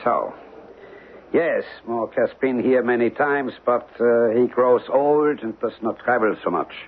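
An actor playing a courteous, considerate European hotel manager in an old radio drama, speaking formally and deliberately. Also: male voice, mid-range voice, lightly acted. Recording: tinny, noisy old radio recording.

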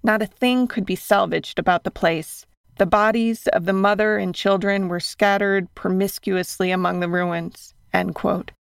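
A woman hosting and narrating a scripted true story in a measured storytelling manner. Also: medium pitch, creaky, clean tone, no room sound, studio quality. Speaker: podcast host and narrator.

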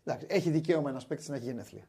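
A man's voice: medium pitch, vocal fry, husky. A man hosting a basketball talk show, chatting animatedly and wryly, often restarting his sentences. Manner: animated, wry, many restarts. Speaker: sports show host. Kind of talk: casual basketball chat.

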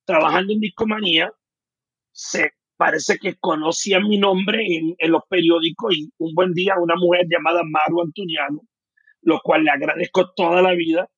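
A Puerto Rican man in his fifties with a notably high, husky voice, telling his story as an interview guest in an animated, detailed way. His Puerto Rican Spanish accent comes through on a dry, somewhat muffled recording. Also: moderate pace, no echo. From Puerto Rico.

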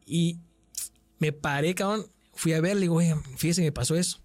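A man's voice: on the high side, normal speed, dry recording. A man with a Mexican accent telling a personal paranormal story in casual, slang-filled conversation. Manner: frequent slang and swearing, animated retelling. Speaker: guest telling a paranormal experience.

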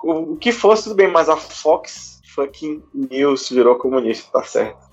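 A man's voice: fairly high pitch, expressive, a little slow, slightly rough, lo-fi sound, faint music behind. A man co-hosting a casual political podcast, rambling and mocking, swearing casually. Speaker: podcast co-host.

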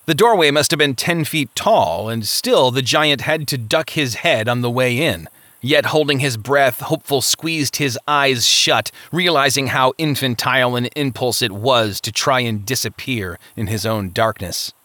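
A man reads a novel aloud in a steady storytelling manner, sometimes lightly voicing the characters. His voice sits at a middle pitch with a bright tone. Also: unhurried, no room sound. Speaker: audiobook narrator. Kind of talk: scripted narration of a novel.

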